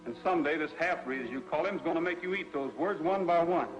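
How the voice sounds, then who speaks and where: A man as a calm plain-spoken cowboy hero. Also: a little high, fast talker, faint music behind, natural voice, poor audio. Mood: defiant. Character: steady young cowboy hero, calm and honest.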